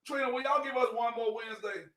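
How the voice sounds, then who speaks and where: A man hosts a podcast in lively, casual chat. He talks fast in a high voice and laughs often. The roomy recording catches him from some distance off the mic. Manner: energetic and animated, laughs often. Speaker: podcast host. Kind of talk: casual talk-show chat. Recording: roomy sound, far from the mic.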